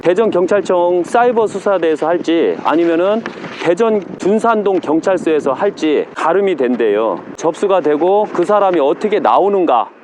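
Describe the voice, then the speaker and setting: Preachy man scolding viewers, lively pitch. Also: a little hiss or hum. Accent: regional Korean dialect, usually. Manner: scolding, preachy, switches to a deliberately low register. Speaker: YouTuber pharmacist-mystic. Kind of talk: casual vlog talk to camera. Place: outdoors and inside a police station.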